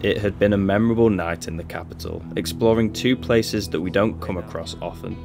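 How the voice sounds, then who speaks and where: A man narrating his urban exploration video as a calm, measured scripted voice-over, with background music. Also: sits low, vocal fry.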